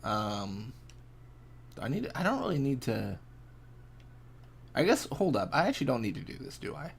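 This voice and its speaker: A man's voice: medium pitch, sing-song, moderate pace, vocal fry, a little hiss or hum. A young man casually chatting and reacting while streaming a fishing game, laid-back and rambling as he answers chat.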